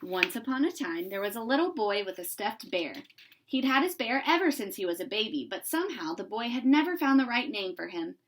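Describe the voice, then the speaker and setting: Reading a story meant for children, a woman speaks in a mid-range voice. She takes a deliberate, expressive narrating approach.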